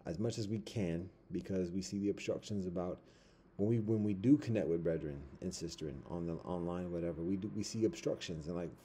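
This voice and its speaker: Middle aged guy talking rasta style to his camera, kinda deep mellow voice, halting and repeating himself, bit of background noise. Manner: Rastafarian-style speech with patois words like "brethren" and "ting"; halting, repetitive, deliberate phrasing. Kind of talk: casual reflective vlog monologue.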